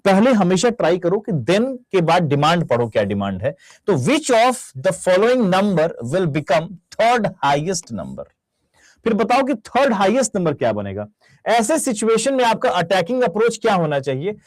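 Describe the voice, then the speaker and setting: A man's voice: sits high, very animated, measured pace, no room sound. A young adult man with an Indian Hindi accent teaching banking exam reasoning. He talks straight to his students and mixes in English phrases. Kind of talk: recorded online lecture. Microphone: close studio mic.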